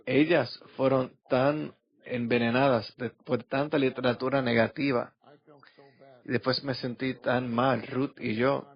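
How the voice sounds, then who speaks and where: A man's voice: mid-range voice, fairly even intonation, measured pace, slightly rough. A middle-aged man preaching a sermon and telling personal stories, acting out the voices of the people he quotes. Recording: dull lo-fi recording.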